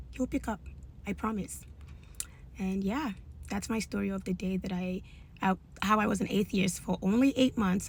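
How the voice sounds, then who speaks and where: A woman in her thirties telling her faith testimony in a casual, animated, emphatic way. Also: medium pitch, creaky, a little hiss or hum. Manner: animated, emphatic, acts out dialogue. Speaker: influencer sharing a faith testimony.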